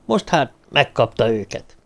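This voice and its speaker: A defeated, bitter ruler speaks in a strained, hoarse-edged voice, as a male audiobook reader puts him on. He sits at a mid pitch and sounds spiteful and desperate. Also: sing-song. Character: cornered, bitter male ruler bargaining for revenge. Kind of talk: audiobook character reading.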